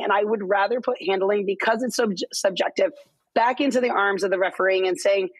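A slightly hoarse woman giving measured, explanatory rules analysis on a studio football panel. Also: mid-range voice, dry recording, low-quality recording. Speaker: refereeing analyst.

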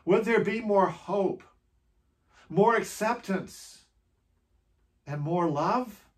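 A pastor giving a reflective Holy Week meditation, speaking gently in short phrases with long pauses and asking the listener many questions. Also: mid-range voice.

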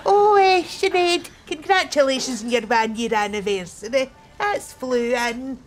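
A woman's voice: sits high, measured pace. An actress playing a chatty, nosy older woman with a broad Scottish accent in sitcom dialogue. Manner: chatty, gossipy, rambling.

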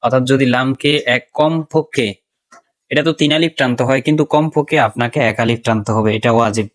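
Guy teaching how to say recited phrases right, slow drawn-out chanting then plain explaining, repeats words over and over, mid-pitched voice. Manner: corrects common mistakes by repeating words. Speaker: religious teacher. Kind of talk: pronunciation lesson on recited phrases.

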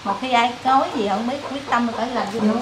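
A woman, the boy's mother, urging him emotionally to go work, gently scolding him not to cry. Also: fairly high pitch, quick pace, a crowd in the background. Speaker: mother of the boy. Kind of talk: casual chat.

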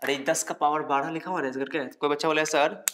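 Fairly high-voiced man teaching a science class. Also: little pitch movement, quick pace, fairly bright tone, a little hiss or hum. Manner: repeats each point, asks the class questions and answers them himself.

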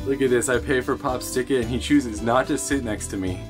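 A man in his thirties talks through a travel vlog in an upbeat, informative way, laughing easily as he goes. He films himself outdoors with the camera held out at arm's length, and soft music plays quietly behind him. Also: mid-range voice, a little fast. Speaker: travel vlogger. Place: outdoors in the desert, on foot.

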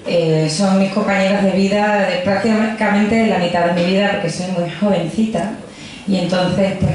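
A young physicist from Extremadura with a Badajoz Spanish accent gives a chatty, jokey popular science talk, addressing the audience directly. Her voice is mid-range and darkish. She's using a handheld mic in a crowded indoor pub, and the room sounds echoey with faint noise.

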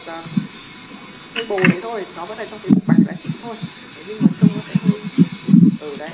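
A young man teaching a math lesson in a casual, joking way, often checking that his students are following. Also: high-pitched. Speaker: math tutor. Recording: loud background noise.

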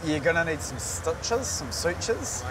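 A man's voice: on the high side, big pitch swings, a little slow. A man with a New Zealand accent, a paramedic explaining things to patients in a casual, reassuring way. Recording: clear outdoor street and vehicle noise. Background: street and vehicle noise.

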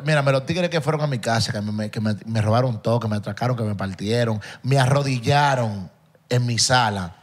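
A man's voice: mid-range voice, a little fast. A man, a comedian guest on a podcast, telling a story in emphatic, repetitive bursts in casual chat.

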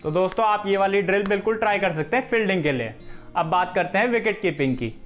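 Soft music plays behind a young man from Haryana, India, a cricket coach filming a drill tutorial at home with the camera across the room. He treats viewers as friends and instructs them in a friendly way, using a high-pitched, a bit bright voice with lively intonation at a quick pace.

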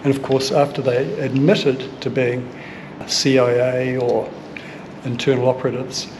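A man in his fifties with a New Zealand accent, talking earnestly and thoughtfully in a museum and archive, pausing to pick his words. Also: medium pitch, flat delivery, background noise. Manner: earnest, measured, with thoughtful pauses and fillers. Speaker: sailing vlogger recounting family history. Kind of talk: casual explanation on camera. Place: indoor archive room and museum hall. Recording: music bed underneath.

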